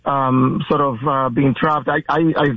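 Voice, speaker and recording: A man from the Dominican Republic, an umpire, giving a halting, earnest account as a radio phone guest. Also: mid-range voice, level tone, no echo. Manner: halting, many restarts, earnest. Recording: tinny phone line.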